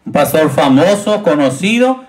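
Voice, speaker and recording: A man's voice: on the high side, big pitch swings, moderate pace. A man, a pastor, preaching a sermon, retelling a Bible story and speaking directly to his congregation. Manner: retells a Bible story, acting out the quoted speakers in raised voices.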